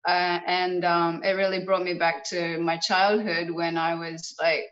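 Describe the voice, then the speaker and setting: A woman's voice: on the low side, level tone, a little slow, a bit bright, muffled recording. A woman with a New Zealand accent, a martial arts guest, telling her story in a casual, enthusiastic interview chat over a video call. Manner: chatty and enthusiastic, with frequent fillers. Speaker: guest, kyudo practitioner.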